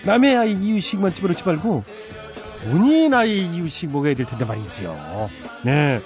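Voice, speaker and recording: Man hosting radio, lively pitch. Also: moderate pace. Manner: chatty, teasing asides. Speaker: radio host. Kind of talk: reading out listener text messages. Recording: slightly dull radio broadcast with faint music.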